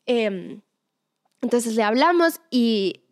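A young woman with a high voice shares a personal testimony. She talks in a chatty, storytelling way, with plenty of fillers and quotes acted out as she goes. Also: expressive, takes it slowly. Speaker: devotional speaker. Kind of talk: personal testimony and Bible reflection.

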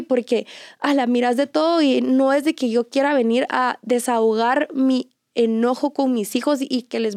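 A woman talks in a high, bright register. She speaks earnestly about faith and often doubles back on phrases for emphasis. The recording is dry and close to the mic. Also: no room sound. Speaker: mother.

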